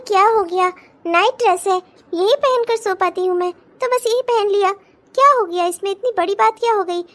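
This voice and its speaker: A woman's voice: extremely high pitch, a bit bright. A woman voicing a headstrong young bride in a cartoon, speaking bluntly and defiantly. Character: headstrong young bride refusing her new marriage. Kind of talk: cartoon voice acting.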